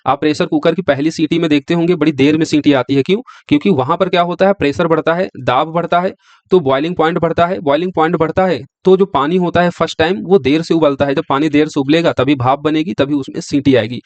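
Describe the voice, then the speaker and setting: A man's voice: fairly high pitch, fairly even intonation, fast talker, no room sound. A male teacher giving an exam-prep science lecture who keeps asking the class questions and answering them himself. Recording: dry, slightly dull lo-fi sound.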